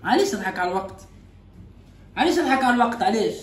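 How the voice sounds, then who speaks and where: A Tunisian man whose voice is pitched up, teasing and repeating himself in playful banter. He sounds very high, with a lively, swooping delivery. The recording has a roomy echo. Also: rapid-fire. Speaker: comedy video host.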